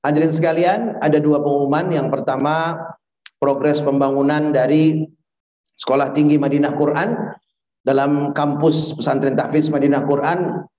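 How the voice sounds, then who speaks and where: A man giving a religious lesson to a live audience. He keeps quizzing his listeners with quick questions and chants Arabic prayer phrases slowly. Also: on the high side, fairly even intonation, a little mellow. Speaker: religious teacher. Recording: echoey, slightly dull hall recording.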